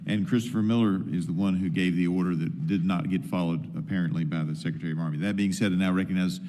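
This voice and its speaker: A man serving as committee chairman who speaks in a measured, procedural way. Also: low voice, steady tone, warm tone. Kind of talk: formal hearing procedure. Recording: reverberant hearing room audio.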